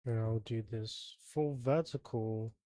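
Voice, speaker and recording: A man's voice: lowish voice, takes it slowly, mellow, no echo. A man live-streaming a video game, chatting casually with his viewers while he fixes his setup and plays.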